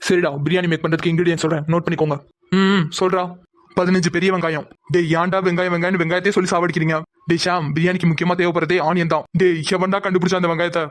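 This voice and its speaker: A man's voice: high voice, level tone, racing, lightly acted. A man voicing a group of young men who banter and complain while cooking in a cartoon. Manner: joking, whiny complaints.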